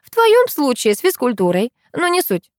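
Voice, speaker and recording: A woman voicing a bossy, prickly teenage girl who squeaks and bristles in an audiobook. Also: huge pitch swings, normal speed, no echo, studio quality. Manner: indignant, squeaky. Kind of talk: audiobook character voice.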